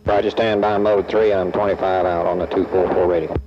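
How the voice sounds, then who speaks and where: A military jet pilot in the cockpit mid-flight makes clipped, terse radio calls to air traffic control through his oxygen mask microphone, following radio procedure. His voice sits low and moves fairly quickly. The cockpit radio recording is muffled with steady noise.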